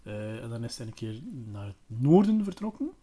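A man retells a book on his podcast in a relaxed, chatty way. He hesitates often and fills gaps with fillers. His voice sits at an ordinary middle pitch. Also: moderate pace. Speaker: podcast host.

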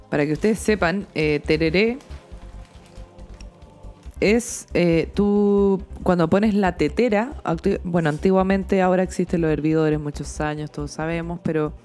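A woman's voice: lowish voice, measured pace, a little mellow, soft background music. A young Chilean woman co-hosting a casual chat, playful and teasing, swearing casually. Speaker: podcast co-host.

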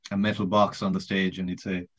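A man with a low, deep voice chats casually as a podcast guest and winds through a long, rambling story with swearing and laughs along the way. The audio is dull and lo-fi. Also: level tone, fairly quick, fairly bright tone. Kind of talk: casual chat.

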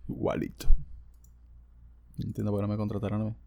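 Creaky-voiced Venezuelan man hosting a podcast. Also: fairly low pitch, monotone, racing, heavy background noise. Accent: Venezuelan Spanish. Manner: rambling, slangy and self-joking. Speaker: podcast host. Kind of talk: casual solo podcast monologue. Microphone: studio microphone.

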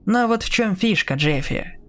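A man's voice: high-pitched, expressive, normal speed, fairly bright tone, faint music behind, voice pushed up. A man doing a cold, sneering murderous brother. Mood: taunting. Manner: mocking and sneering.

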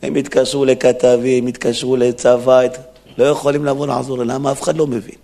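A man's voice: medium pitch, level tone, creaky, dark tone. A man, a rabbi, giving an emphatic Torah sermon in a synagogue, acting out the quotes as he preaches. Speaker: rabbi giving a weekly lesson.

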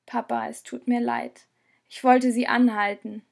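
Brief: guilt-ridden girl, pleading; female narrator, slightly high voice. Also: flat delivery, unhurried, gravelly, full character voice. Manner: pleading, apologetic. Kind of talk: audiobook character voice.

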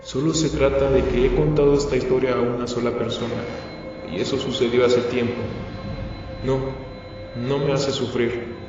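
A man voicing a courteous, centuries-old male vampire who speaks in a calm, polite, confiding way in an audiobook. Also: mid-range voice, moderate pace, natural voice. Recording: echoey, distant, dull, faint music.

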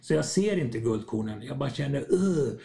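A man's voice: mid-range voice, lively intonation, creaky, dark tone. A man talking as a podcast guest, reflective, often acting out small dialogues as he explains. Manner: reflective, acts out little dialogues. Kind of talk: conversational podcast talk.

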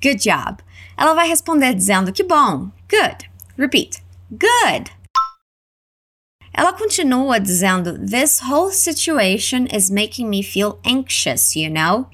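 A woman with a Brazilian accent teaching English words, saying each one slowly and clearly for listeners to repeat. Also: on the high side, sing-song, fairly bright tone. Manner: slow, clear modeling of words for repetition. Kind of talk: language lesson narration.

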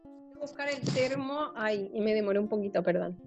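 A woman's voice: mid-range voice, brisk, a little mellow. A Chilean woman with a Chilean accent chatting casually with friends, talkative and self-deprecating with lots of fillers. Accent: Chilean Spanish. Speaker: band member introducing herself. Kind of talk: casual group chat. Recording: slightly muffled, faint guitar music behind.

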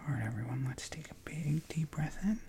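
A man leading a guided contemplative prayer session, talking softly in a hushed whisper with long pauses and relaxed, informal asides. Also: a little high, noisy background. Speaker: prayer leader.

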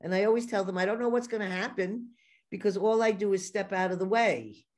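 A podcast host with a New York accent tells stories in a chatty, laugh-filled way during a casual interview conversation. Her medium-pitched voice is brisk and a little mellow.

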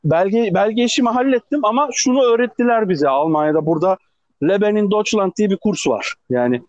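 A man's voice: high-pitched, a little fast, no echo. A man with an Ankara accent telling stories in casual podcast chat, acting out the people he quotes. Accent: Turkish, Ankara. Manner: animated, acts out quoted people. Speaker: podcast co-host. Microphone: phone. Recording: dull lo-fi phone recording.

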